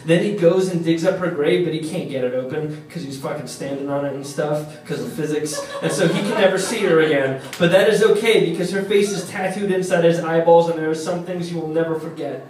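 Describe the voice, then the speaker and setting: A man reading a comic, profane book report to a live audience at a bar, sarcastic and deadpan. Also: fairly high pitch, brisk, hardly any pauses. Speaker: reading host. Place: bar venue. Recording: echoey room from far off.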